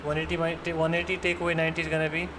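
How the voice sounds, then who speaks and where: A man with a Pakistani accent tutors maths one to one in a fairly high-pitched voice. He is encouraging, working step by step and checking with questions. The online lesson audio has clear background noise. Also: completely flat delivery, rapid-fire. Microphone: computer mic on online screen-share call.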